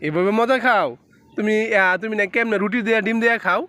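A woman's voice: medium pitch, fairly even intonation, quick pace, bright, forceful tone, dry recording. A woman playfully coaxing a small child, asking him question after question in casual talk. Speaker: parent filming her toddler.

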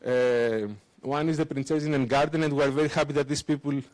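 Holding a handheld mic in a conference lecture room, a halting man presents a technical talk with a live demo. His voice runs on the high side, a little mellow with fairly even intonation, and he uses many fillers, restarts, and non-native phrasing.

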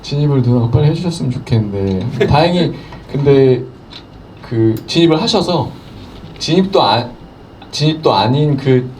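Animated actor telling a story. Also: male voice, mid-range voice, moderate pace, far from the mic, slight background noise. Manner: acts out quoted lines. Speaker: film actor.

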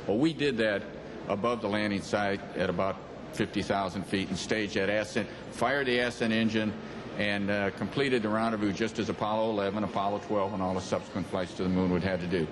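A man's voice: fairly low pitch, fairly even intonation, fairly quick. An older man telling a past mission story in an interview, casual and wry, with some fillers. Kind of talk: recalled account in interview. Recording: clear background noise.

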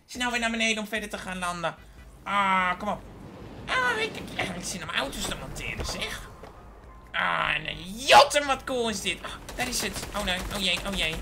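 A woman giving excitable gameplay commentary as a gaming video host. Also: mid-range voice, normal speed, creaky, noisy background. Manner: excitable, shrieks and squeals at sudden moments, hushed when sneaking. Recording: game music behind the voice. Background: background music.

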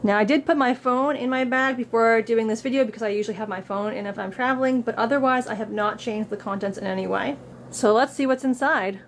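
Against a plain backdrop in an indoor room, a young woman with a cold shows off her bag's contents in a casual show-and-tell. The craft vlogger's fairly high voice is a little fast, with slight background noise, lifting brightly for book excerpts and then chatting plainly.

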